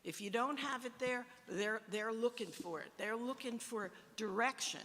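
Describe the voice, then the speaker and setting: A woman patient advocate speaking emphatically and haltingly in a frustrated exchange at a meeting. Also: fairly high pitch, pushed and bright, in a large hall, slight background noise. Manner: emphatic, halting, repeats herself.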